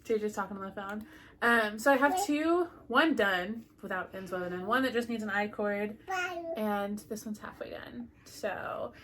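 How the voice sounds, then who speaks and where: A young woman co-hosting a casual knitting podcast, relaxed and friendly as she walks through her projects. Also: medium pitch, moderate pace. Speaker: podcast co-host.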